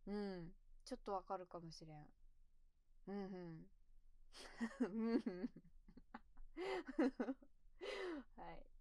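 A young woman chatting casually while a little tipsy. She answers viewer questions and rambles, giggles, and trails off into mumbles. She calls her natural voice low. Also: lively intonation, slow, pauses often, mellow, no room sound. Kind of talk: casual chat. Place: at home, sitting on the floor.

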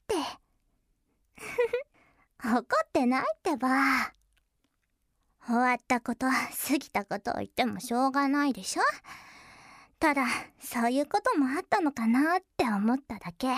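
A woman voicing a teasing, seductive adult younger-sister character in an intimate audio drama, speaking softly and slowly with frequent giggles. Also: sits high, no echo, studio quality. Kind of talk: intimate audio role-play.

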